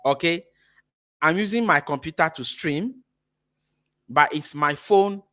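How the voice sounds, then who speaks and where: Bright and forceful, with a voice on the high side and a measured pace, this Ghanaian teacher trainer hosts a live-streamed teachers' workshop. He talks energetically through a phone camera mic and keeps checking in with "right?".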